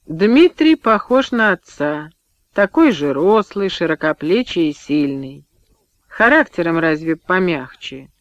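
Man, audiobook narrator, measured reading, fairly high voice, dry muffled studio sound. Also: very animated, a bit bright, dry recording. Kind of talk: scripted narration.

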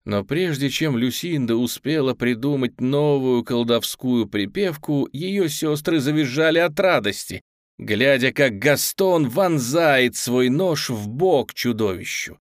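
Мужчина читает вслух сказочную историю выразительно и театрально, как в аудиокниге. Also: male voice, medium pitch, animated, unhurried, no room sound, studio quality. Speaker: чтец аудиокниги. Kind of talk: художественное чтение сказки.

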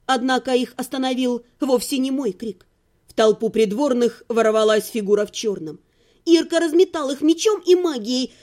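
A woman narrates a first-person fantasy story in an expressive reading voice. Her voice sits high, yet the tone stays mellow and soft-edged. She reads the narration between the characters' lines. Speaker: audiobook narrator.

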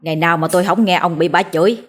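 A woman's voice: fairly low pitch, steady tone, fast, close to an everyday voice. A woman voicing a boisterous, teasing drunken old village man. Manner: joking, protesting.

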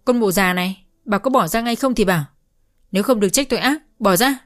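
A woman's voice: mid-range voice, normal speed, natural voice. A woman voicing a defiant pregnant young wife who argues sharply and indignantly. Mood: furious.

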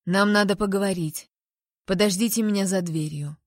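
Terse gruff male magician, voiced by a woman reader, low muttered delivery, dry. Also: normal speed, dry recording, natural voice. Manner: mutters lower and quieter.

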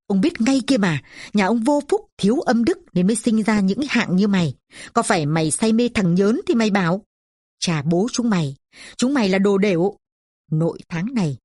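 A woman's voice: medium pitch, lively intonation, brisk, darkish tone, husky, dry recording, clean studio sound. A woman voicing a drunken, angry, middle-aged poor father who scolds and curses his daughter. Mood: raging.

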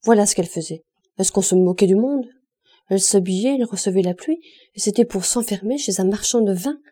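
A woman reading a classic novel aloud as an audiobook narrator, steady and measured. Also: mid-range voice, husky.

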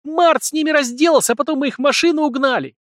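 An excitable teenage boy, played by a male audiobook reader, blurting things out in a high, eager, breathless rush. His voice sits well above the narrator's own. The recording is dry. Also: normal speed, husky, no echo, heavily acted. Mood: excited.

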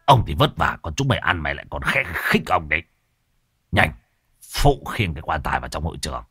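A man's voice: very deep voice, animated, brisk, sharp tone, slightly rough, no echo, clean studio sound, voice pushed down, full character voice. A man voicing a bossy old village coffin-maker who barks curt, cursing orders. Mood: gruff.

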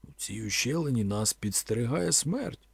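A man's voice: medium pitch, wildly swooping pitch, fairly quick, a little mellow, husky, dry recording, heavily acted. A man voicing a wary male warrior chieftain who mutters uneasily, in a storybook reading. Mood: uneasy.

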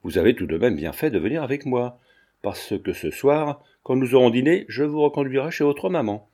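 A bold, kindly young student speaks softly and coaxingly to a little boy, as an audiobook reader puts him on. The tone is mellow and warm. It stays in an ordinary middle register. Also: mid-range voice, lively intonation, moderate pace, natural voice. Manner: gentle, coaxing with the child. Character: bold young male student, kind and teasing. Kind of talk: audiobook character reading.

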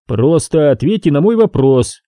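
A man's voice: on the high side, big pitch swings, normal speed, mellow, dry recording, studio quality, pitched above the performer's own voice. A man voicing a tall male police detective who questions in a level, expressionless tone. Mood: cold. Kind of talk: audiobook character voice.

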